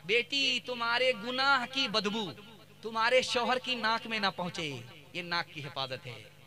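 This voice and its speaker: Earnest mother figure, voiced by a male preacher, very high bright tone, repeats her counsel. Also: lively intonation, unhurried, full character voice. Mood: tender counsel. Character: gentle mother advising her married daughter.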